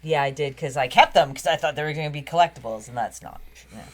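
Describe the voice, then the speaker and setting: A woman's voice: sits low, fast. A woman guesting on a podcast, answering easily in casual chat over drinks.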